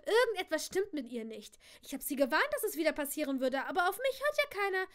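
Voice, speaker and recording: A shrill, scornful teenage girl speaks in a high, loud, snide voice, as a woman reading a book aloud puts her on. She sounds like a sulky, judgemental cousin in an audiobook scene. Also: lively intonation, a little fast. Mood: snippy.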